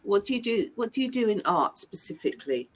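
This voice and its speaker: An English tutor from England gives an online one-to-one lesson, patiently repeating and rephrasing her questions for the learner. Her medium-pitched voice has big pitch swings and a brisk pace, with a little hiss or hum in the recording.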